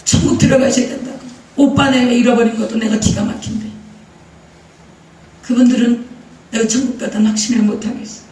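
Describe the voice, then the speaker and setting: A woman's voice: fairly high pitch, steady tone, fairly quick, pauses often, warm tone. A middle-aged woman pastor preaching a sermon, telling a story emphatically and throwing rhetorical questions at the congregation. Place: church sanctuary. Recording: roomy church hall, voice heard from a distance.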